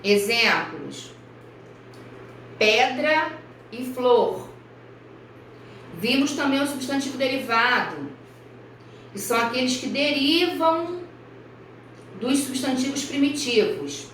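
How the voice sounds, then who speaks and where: A woman primary school teacher from Brazil giving a recorded review lesson for children, speaking slowly and carefully and spelling out each example. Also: high-pitched, sing-song, a bit bright, a little hiss or hum. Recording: echoey room, voice far from mic.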